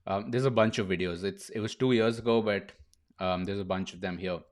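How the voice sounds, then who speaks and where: A man's voice: sits low, a little fast. A young man hosting a casual livestream, chatting loosely, laughing often and saying bro and dude a lot. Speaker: streamer host.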